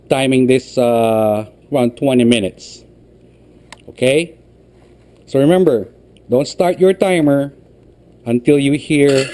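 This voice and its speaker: A man's voice: medium pitch, warm tone, a little hiss or hum. A man explaining a cooking recipe step by step in a patient way, often checking in with "okay". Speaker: home cooking instructor. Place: home kitchen.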